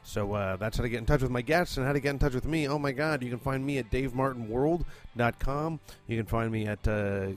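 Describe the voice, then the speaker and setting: Fairly quick and barely pausing, a man with a medium-pitched voice rambles through his comedy podcast, which he hosts and produces at home in his condo. Soft music plays underneath his chatty, profane talk, and he leans on plenty of fillers.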